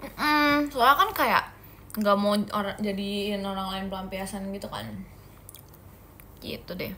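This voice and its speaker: A woman's voice: medium pitch, fairly even intonation, unhurried, bright, forceful tone, slight background noise. A young woman from Indonesia hosting a casual phone livestream, chatting playfully with viewers and teasing them. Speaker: idol livestream host. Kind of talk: casual livestream chat answering viewer comments.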